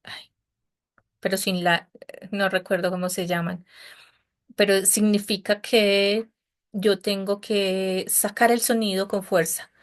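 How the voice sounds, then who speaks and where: A woman's voice: medium pitch, little pitch movement, slow pace, pauses often. A Spanish-speaking woman teaching an English class over a video call, patient and encouraging, explaining pronunciation step by step.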